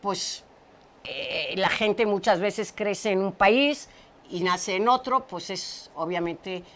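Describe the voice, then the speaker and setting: A woman's voice: medium pitch, slow, a bit bright. A middle-aged woman hosts a studio talk show. She chats casually and translates for her guest, restarting and repeating words as she works through each answer. She speaks on a lapel mic. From Portugal. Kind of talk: casual chat, interpreting for a guest. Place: small studio set with brick wall.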